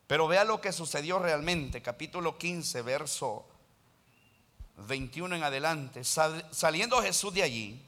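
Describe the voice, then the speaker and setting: A man preaching a sermon with passion, calling his listeners brother and rising into loud stretches. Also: a little high. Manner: impassioned preaching, addresses listeners as brother, rises to loud passages. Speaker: pastor.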